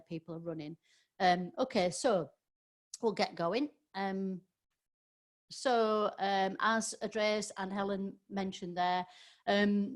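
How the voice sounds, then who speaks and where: A middle-aged woman with a Yorkshire accent and a lowish voice runs a live online training webinar. She is chatty, with plenty of ums and restarts.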